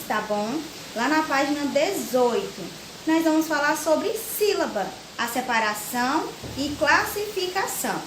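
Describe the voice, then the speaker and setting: A young woman with a Brazilian Portuguese accent teaching a children's grammar lesson, slowly and patiently breaking words into syllables. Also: sits high. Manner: slow, patient, spells syllables out one by one. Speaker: primary school teacher. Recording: echoey room with faint hiss.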